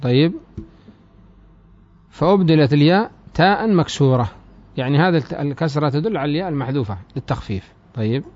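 A man teaching a classical Arabic grammar lesson. He reads the text slowly and deliberately, then explains it more quickly and quietly, asking his students questions. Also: on the high side, lively intonation. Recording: dry, dull lo-fi recording.

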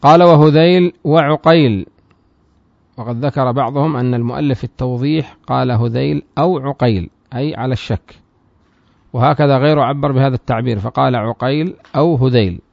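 A man teaching classical grammar, reading lines of a text aloud with more force and then explaining them in a lower voice. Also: fairly even intonation, fast, vocal fry, dry recording. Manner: reads quoted text louder and higher, then explains in a lower voice. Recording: dry, dull lo-fi recording.

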